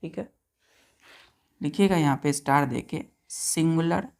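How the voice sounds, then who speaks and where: A woman with an Indian accent teaches science in a low, unhurried voice. She dictates notes at a deliberate crawl and spells terms out letter by letter. She keeps checking in with questions to her students. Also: gravelly, a little mellow. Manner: quizzes students with repeated questions. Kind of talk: classroom science lesson.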